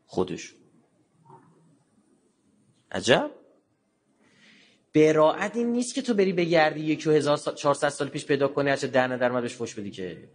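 High-voiced man giving a religious lecture. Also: big pitch swings, pauses often. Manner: colloquial, acts out dialogue in quotes; sudden drops to low, quiet asides.

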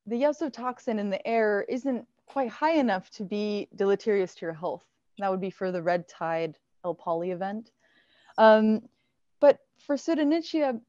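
A woman in her thirties, a marine researcher, answering questions on a video call, lively and full of fillers and laughs. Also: medium pitch, no echo. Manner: animated, laughs often, many fillers. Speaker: marine researcher guest speaker. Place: small indoor lab room. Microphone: wired earbuds on a video call. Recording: dull, dry video call audio.

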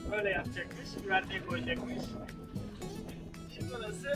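A man's voice: high voice, moderate pace. A man hosting a travel vlog, narrating and chatting casually to the camera and his companion. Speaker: vlog host. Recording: loud music behind the voice. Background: music.

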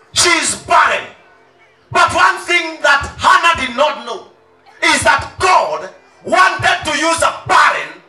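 A man in his thirties preaching in a large outdoor tent on a handheld mic. He tells stories and then shouts his sermon points. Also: very high-pitched, far from the mic. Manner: switches from storytelling to shouted preaching. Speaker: pastor. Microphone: handheld mic, pacing the stage. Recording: roomy tent sound, off mic, faint music and crowd.

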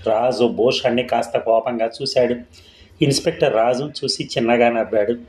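A man reading a ghost story aloud in a steady, scripted storytelling way. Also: medium pitch, normal speed, reverberant, low-quality recording. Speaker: narrator. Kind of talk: scripted audiobook narration.

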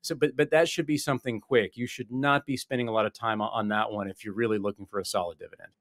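In a conversational interview over video call, a man in his forties, the guest, explains investing amid many restarts and fillers. His lowish voice moves fast with fairly even intonation. He uses a desk microphone in a small wall-panelled office, giving a dry, clean studio sound.

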